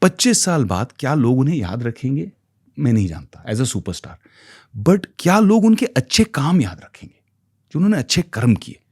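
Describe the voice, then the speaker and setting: A man's voice: medium pitch, big pitch swings, normal speed, darkish tone, husky. A middle-aged man with an Indian accent, a podcast guest who talks expressively and switches between Hindi and English. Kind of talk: podcast conversation.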